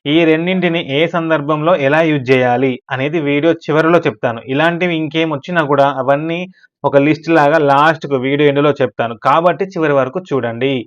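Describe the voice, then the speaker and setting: A man's voice: fairly high pitch, fast talker, highs cut off. A man with a Telugu accent teaching spoken English, reading each short phrase twice with its translation. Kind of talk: slow spoken-English lesson.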